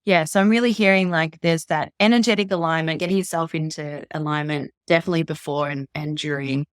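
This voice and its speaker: A woman hosting an interview, summing up and asking thoughtful, measured questions. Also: deep voice, fairly even intonation, dry recording, clean studio sound. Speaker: podcast host.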